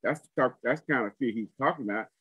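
A man preaching a sermon, teaching slowly and deliberately, repeating phrases for emphasis. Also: mid-range voice, bright, forceful tone, breathy edge, no echo, highs cut off.

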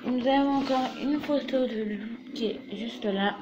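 A woman's voice: on the high side, unhurried, muffled recording, background noise. A young woman showing her fan collection to the camera in a casual show-and-tell, chatty and full of filler words, recorded in a small room. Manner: chatty, leans on fillers like "voilà" and "du coup".

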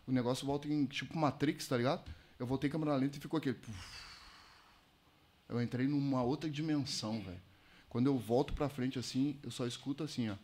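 Guy on a podcast, average pitch, telling a story all animated and slangy. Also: fast, slight background noise. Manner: animated storyteller, slangy, calls listeners "mano". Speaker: podcast guest, entrepreneur. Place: podcast studio.

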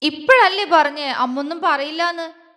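A woman's voice: very high voice, animated, normal speed, bright, forceful tone, big-room sound, voice pushed up, full character voice. A woman voicing a timid young woman who stammers and sobs as she pleads. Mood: tearful, pleading.

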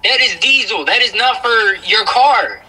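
Sharp, high-pitched young man on a call. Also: expressive, unhurried. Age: young adult. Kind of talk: casual phone conversation. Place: at home indoors. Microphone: phone video call heard through speaker. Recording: distant, husky video-call speaker sound.

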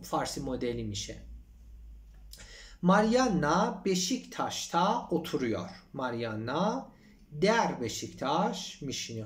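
A man with a background teaching Turkish in a relaxed online lesson. His voice is lively and animated, rising and falling a great deal. He reads the Turkish lines slowly and then explains them in easy, chatty speech. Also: mid-range voice, far from the mic. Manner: switches between Persian explanation and slow Turkish reading.

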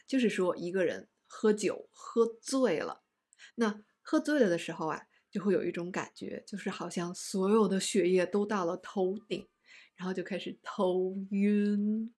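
A woman teaching an online language lesson, explaining words slowly and stressing each example. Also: mid-range voice, darkish tone, breathy edge.

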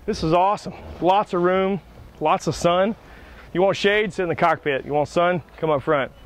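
A man's voice: sits high, moderate pace, a little hiss or hum. A man hosting a boat dealer's video, giving an upbeat, salesy walkthrough of a boat. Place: outdoors at a marina on a boat.

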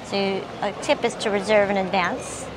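A woman's voice: medium pitch, normal speed. A woman with a New York accent, chatting casually as a local guide giving tips outdoors. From Long Island, New York. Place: outdoors, evening streets and harbor overlook. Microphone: clip-on lavalier. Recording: noisy outdoor street ambience.

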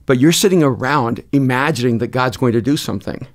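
A man in his sixties born in El Salvador, working as a pastor and author, shares reflective stories conversationally as a podcast guest in a dark studio, speaking close to a boom studio mic. Gesturing a lot and expansive in manner, he uses a mid-range voice, speeding up in bursts and then slowing for emphasis.

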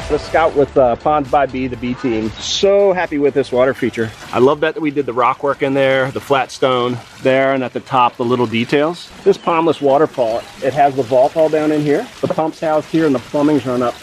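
Upbeat middle-aged contractor beside a waterfall. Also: male voice, mid-range voice, moderate pace, hardly any pauses. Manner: upbeat, matter-of-fact explaining. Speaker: landscape contractor and designer. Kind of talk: direct-to-camera explanation. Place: backyard beside a waterfall, outdoors. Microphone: camera held close to the face.

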